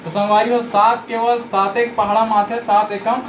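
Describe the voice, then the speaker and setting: A man's voice: high-pitched, little pitch movement, moderate pace. A man with a Chhattisgarhi accent teaching a math lesson step by step, patient and explanatory, who says "okay" after each step. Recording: roomy, dull lo-fi, faint hiss.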